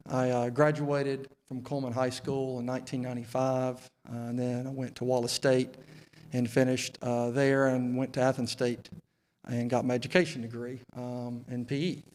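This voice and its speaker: A Southern US man in his forties makes his case as a council candidate through a face mask. His pitch is average and moves very little from phrase to phrase. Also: darkish tone. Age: 40s. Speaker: city council candidate, incumbent. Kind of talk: candidate remarks at a local debate.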